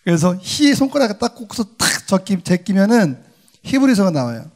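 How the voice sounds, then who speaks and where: High-voiced, animated Korean pastor preaching. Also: male voice, brisk. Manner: animated, acting out quoted voices. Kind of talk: sermon.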